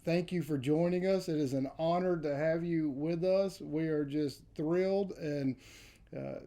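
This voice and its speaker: A man's voice: on the high side, a little slow, mellow. A man hosting an interview show, effusive and welcoming toward his guest. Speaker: podcast host. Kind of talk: interview introduction.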